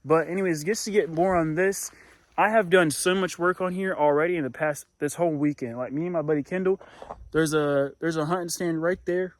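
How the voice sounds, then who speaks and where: A man's voice: on the high side, brisk, dry recording. A young man, rambling casually as he walks around outdoor hunting land, often trailing off with "and everything like that". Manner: talks while walking outdoors. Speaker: hunting vlogger.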